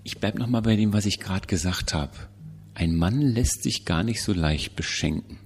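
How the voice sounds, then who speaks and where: A man's voice: lowish voice, normal speed, husky, soft background music. A man preaching a conversational Christmas sermon, emphatic and full of rhetorical questions.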